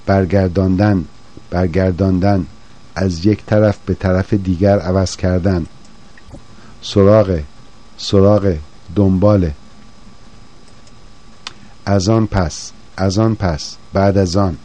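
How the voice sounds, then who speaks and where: A man teaching vocabulary in a slow drill, saying each word twice and then giving its meaning. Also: deep voice, steady tone, warm tone. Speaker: language teacher.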